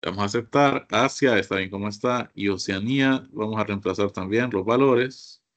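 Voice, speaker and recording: A man's voice: on the low side, moderate pace, a bit bright. A man teaching a computer course, walking his class through each step and often asking them to look. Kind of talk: screen-share software lesson.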